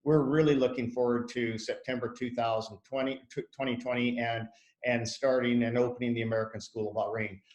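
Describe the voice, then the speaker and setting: A man in his fifties talks through an online presentation, hesitant and full of small fillers and restarts. His voice sits at an ordinary middle pitch. It comes over a computer mic in a roomy, echoey room. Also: fairly even intonation, a little fast, darkish tone. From Canada. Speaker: school head. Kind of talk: online information session.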